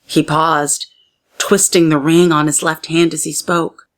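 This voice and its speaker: With a deep voice, a female storyteller narrates a children's story aloud, using expressive, deliberate phrasing aimed at young listeners.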